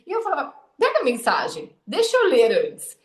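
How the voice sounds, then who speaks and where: A woman's voice: high-pitched, wildly swooping pitch, normal speed, echoey room. A woman hosting a podcast, telling a story in casual chat and acting out the voices of the people she quotes. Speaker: podcast host.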